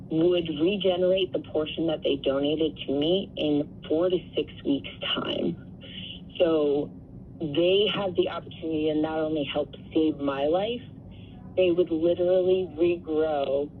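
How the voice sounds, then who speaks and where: A woman speaking as an interview guest on the radio, explaining things earnestly and conversationally. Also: deep voice. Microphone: telephone. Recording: tinny phone line with faint noise.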